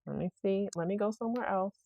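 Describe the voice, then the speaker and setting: On her own podcast, a woman chats in a loose, rambling way while working through a problem, narrating her fixes, quoting herself, laughing readily and stumbling through fillers and restarts. Her mid-range voice is gravelly yet mellow, quick-paced, with no echo.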